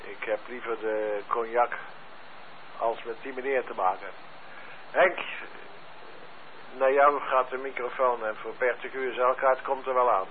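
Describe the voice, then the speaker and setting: Man, mid-pitched, two-way radio transmission, thin phone-like sound, faint hiss, easygoing, spells out call signs. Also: steady tone, a little slow, pauses often. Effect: heard over a two-way radio transmission. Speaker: amateur radio net operator. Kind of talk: casual on-air radio chat with call signs.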